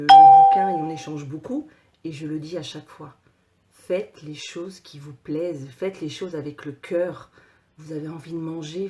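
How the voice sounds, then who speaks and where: A woman coach talking casually to her viewers, animated, with many repeated words and restarts. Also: low-pitched. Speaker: personal coach and author.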